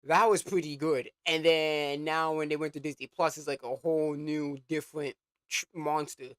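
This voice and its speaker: Young man with a fairly high voice, dry close sound, stumbling and mocking through a rant. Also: level tone, moderate pace, a bit bright, clean tone, no echo. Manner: stammering restarts, swears, mocking. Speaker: co-host reacting to clips. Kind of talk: casual ranting chat.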